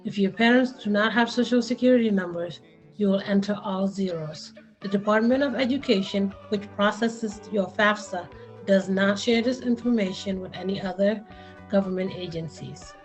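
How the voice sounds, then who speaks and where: A woman announcer reading a scripted informational message in a clear, instructive way. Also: mid-range voice, normal speed, rough recording. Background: soft music.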